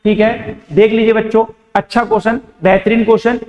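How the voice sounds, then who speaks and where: Young Indian man, high voice, math teacher who asks questions and answers them himself, recorded in a reverberant room. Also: flat delivery, brisk, darkish tone, dull audio. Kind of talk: board-exam math lesson. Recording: echoey room with long reverb.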